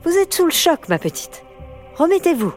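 A woman voicing an energetic school headmistress, firm and commanding yet gentle with a child. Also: very high voice, moderate pace, faint music behind, pitched above the performer's own voice. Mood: soothing.

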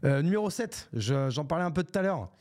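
A man's voice: on the high side, sing-song, fairly quick, darkish tone. Male podcast host, 30s, talking alone into a podcast mic, loose and rambling, peppered with English buzzwords. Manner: rambling, many fillers and restarts; casual, mixes English business slang. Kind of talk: solo unscripted podcast talk. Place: Bordeaux, France. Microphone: podcast microphone.

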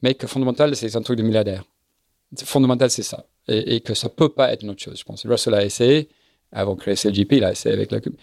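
A middle-aged man, a guest in a casual interview, talking haltingly and searching for his words. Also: lowish voice, vocal fry, a little mellow, dry recording, clean studio sound. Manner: halting, searches for words, repeats himself often. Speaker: guest, sailing event business founder.

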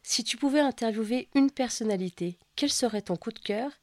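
A woman's voice: on the high side, fairly quick, darkish tone, dry recording. Woman interviewer, dry close sound. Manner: brief affirming replies, reads questions. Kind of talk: studio interview.

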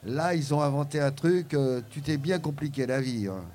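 An older man telling anecdotes as an interview guest, lively and full of fillers and hesitations. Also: fairly high pitch, normal speed. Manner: animated storyteller, many fillers.

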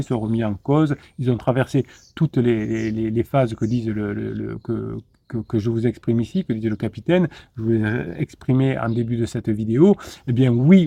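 A man's voice: mid-range voice, dark tone, dry recording. A man coaching in a motivational monologue, emphatic and repetitive, with frequent stammered restarts. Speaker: relationship coach.

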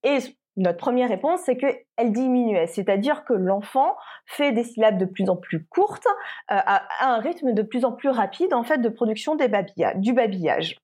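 A woman's voice: on the high side, lively intonation, normal speed, a little mellow, breathy edge. A woman, a linguist researcher answering interview questions carefully, with frequent hesitations and restarts.

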